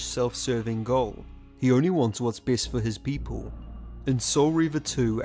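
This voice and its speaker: A man's voice: mid-range voice, darkish tone. Composed male narrator over music. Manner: measured, literary, composed. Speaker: narrator of a video game character study. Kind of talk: scripted narration.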